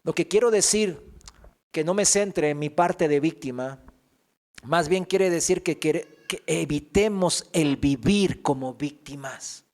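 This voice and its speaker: Male pastor with a high voice, animated sermon delivery with comic put-on voices. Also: slow pace. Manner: animated preaching, acts out whiny voices for comic effect. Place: church.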